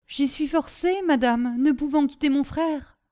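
A woman's voice: high voice, unhurried, mellow, voice pushed up. A woman voicing a polite, firm young seamstress who answers courteously but firmly.

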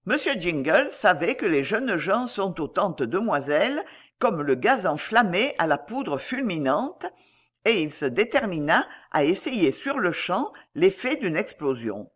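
A woman narrating a classic novel as an audiobook in a measured, expressive way. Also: fairly low pitch, slightly rough.

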